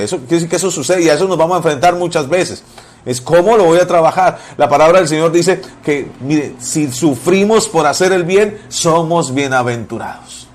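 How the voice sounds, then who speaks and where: A man, preaching informally as a pastor, telling personal stories and repeating phrases for emphasis. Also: fairly high pitch.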